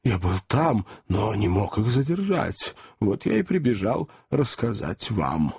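A man voicing a timid, breathless male servant reporting news to his master, with a husky voice. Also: lowish voice, sing-song, a little mellow, full character voice. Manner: timid, halting.

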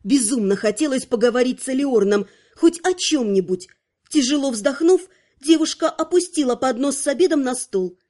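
A woman narrating a fantasy audiobook in an even, measured storytelling manner. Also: high voice.

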